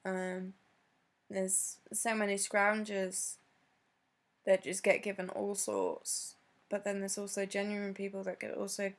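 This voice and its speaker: A woman chatting casually on her vlog, answering questions with lots of ums and pauses. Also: mid-range voice, level tone. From Britain. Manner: hesitant, many ums, laughs between answers. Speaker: vlogger.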